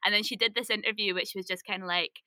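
Woman podcast host, very bright tone, dry close sound, rambling anecdotal delivery. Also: medium pitch, quick pace, no room sound. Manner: chatty, animated storytelling with many fillers. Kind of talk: casual chat.

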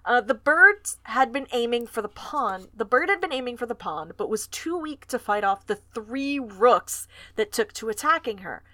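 A woman's voice: on the high side, very animated, normal speed, few pauses, sharp tone, no echo. A woman co-hosting a podcast, chatting casually and recapping a book's plot, swearing now and then. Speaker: podcast co-host. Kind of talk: casual book discussion.

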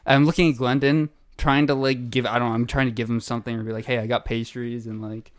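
A young man co-hosting a podcast, telling a story in a casual, animated way with laughs and acted-out quotes. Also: medium pitch, quick pace, no room sound, clean studio sound. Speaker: podcast co-host.

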